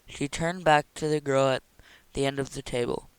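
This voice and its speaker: A man reading a novel chapter aloud in a steady, even narration. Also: medium pitch, moderate pace, smooth, dry recording, poor audio. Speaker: audiobook reader.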